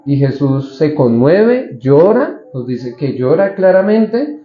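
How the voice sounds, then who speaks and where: Slow, high-voiced pastor in an echoing church. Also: male voice, very animated. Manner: conversational, asks the congregation questions; acts out the Bible figures' lines in quoted voices. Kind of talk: sermon. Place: church hall. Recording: roomy, slightly dull church recording.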